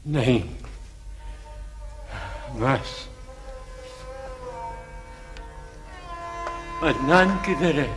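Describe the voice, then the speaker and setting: An actor playing a forgetful, childlike old grandfather in a TV drama, his speech slow and wandering. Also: fairly high pitch, expressive, a bit bright, faint music behind, exaggerated voice. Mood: confused. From Pakistan. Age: older. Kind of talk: broadcast TV drama.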